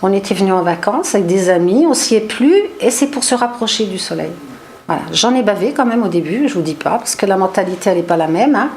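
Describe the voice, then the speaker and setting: A woman's voice: mid-range voice, animated, fast, darkish tone, slight background noise. A woman from Lorraine, chatty and emphatic, speaking in a documentary interview. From Lorraine, France. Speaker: resident.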